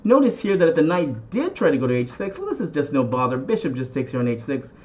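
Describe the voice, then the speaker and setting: A man with a slightly high voice talks viewers through chess moves like a teacher. He often turns to them with a question or a catchphrase. The recording is a bit dull and muffled. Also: very animated, fast talker, a little mellow. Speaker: chess instructor and channel host. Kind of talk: instructional game commentary.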